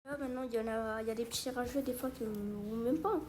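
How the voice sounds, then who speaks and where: A child or young teenager makes an informal online video, talking to subscribers casually and a bit hesitantly as commentary. The voice is mid-range, fast, and somewhat dark in tone, with slight background noise.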